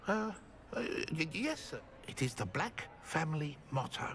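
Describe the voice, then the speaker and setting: A man's voice: fairly high pitch, big pitch swings, normal speed, fairly bright tone. A man playing a timid, servile house-elf in a video game, hesitant and eagerly deferential to a master. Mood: nervous deference. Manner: hesitant, deferential, speaks of self in third person. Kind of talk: theatrical video game creature voice.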